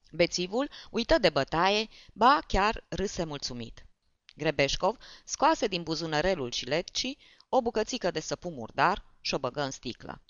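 An audiobook narrator reading a story aloud in an expressive way. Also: medium pitch, no room sound. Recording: dull, dry.

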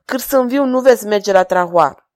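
A woman's voice: mid-range voice, darkish tone, no echo, studio quality, close to an everyday voice. A woman reading aloud voices a desperate male court jester who begs with a trembling, tearful voice. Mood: pleading.

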